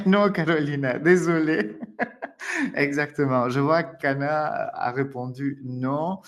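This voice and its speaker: A French man teaching a live online lesson, friendly and laughing often, with a French accent. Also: a little high. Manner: friendly, laughs often, many "d'accord?" and "alors". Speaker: French teacher hosting a webinar.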